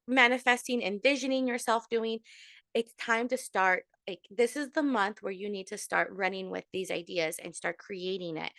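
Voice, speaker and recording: Bright, chatty woman tarot reader. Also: fairly high pitch, no echo, studio quality. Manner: chatty, warm address with Spanish endearments and many fillers. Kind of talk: casual monthly tarot reading to followers.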